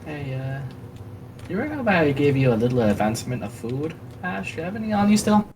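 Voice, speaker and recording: A man's voice: on the high side, very animated, fairly quick, a little mellow, recorded from a distance, a little hiss or hum. A man chatting casually and jokingly during a roleplay. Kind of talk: in-character roleplay chat.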